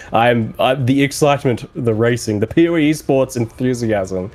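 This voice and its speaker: A man with a scratchy voice from a cold, commentating an esports race in a measured, analytical way with some fillers. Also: medium pitch, darkish tone, soft background music.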